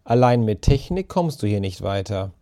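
Brief: gentle, thoughtful girl in a storybook, soft delivery, read by a man. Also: lowish voice, animated, moderate pace.

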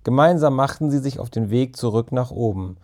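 A male narrator reading a children's audiobook in a calm, even way. His voice sits at a medium pitch with a warm, mellow tone. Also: brisk.

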